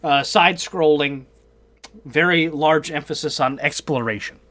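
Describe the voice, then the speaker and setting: A man's voice: on the high side, measured pace, pushed and bright. A man co-hosting a gaming podcast, chatting casually in a playful, chatty way. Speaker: podcast co-host.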